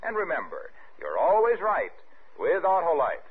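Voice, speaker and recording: A man's voice: on the high side, wildly swooping pitch, moderate pace, loud music behind the voice. An American man reading scripted sponsor messages and credits as a 1950s radio announcer. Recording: narrow-band vintage radio broadcast.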